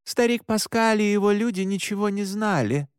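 A man's voice: high-pitched, normal speed, smooth, no room sound. A man reading a first-person novel aloud in a tense, emotive voice on a close studio mic. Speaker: audiobook reader. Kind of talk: first-person audiobook narration.

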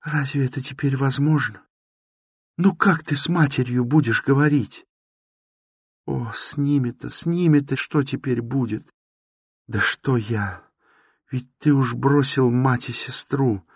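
A man's voice: mid-range voice, unhurried, husky, no room sound, clean studio sound, voice pushed up. A man voicing a fervent young woman who pleads urgently in a raised, imploring voice, within a dramatic novel reading. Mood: anguished.

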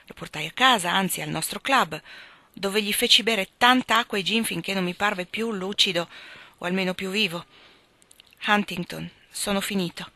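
A woman reading a novel aloud in a measured, expressive storytelling manner. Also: medium pitch, no room sound. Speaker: audiobook reader.

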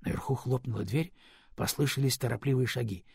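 A man narrating an audiobook in a measured, unhurried reading. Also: mid-range voice, creaky, breathy edge, dry recording, clean studio sound. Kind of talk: scripted narration.

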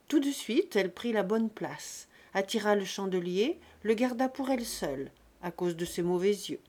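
A woman narrating an audiobook of a classic novel in a calm, measured reading voice. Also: medium pitch. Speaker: audiobook reader.

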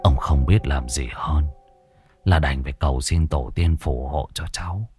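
A man reading a ghost story aloud in dramatic, expressive first-person narration. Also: a bass voice, measured pace, breathy edge, soft background music.

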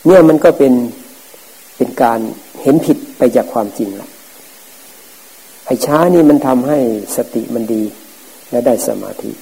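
A middle-aged man, a Buddhist forest monk, giving a calm, plain-spoken dharma talk. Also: medium pitch, breathy edge. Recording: hissy, noisy old recording.

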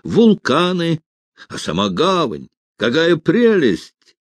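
A man's voice: fairly high pitch, slow, no echo, voice pushed up, full character voice. Man reading an enthusiastic young cadet in an audiobook, raised and gushing. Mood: excited. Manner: excited, gushing. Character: eager young male naval cadet, enthusiastic.

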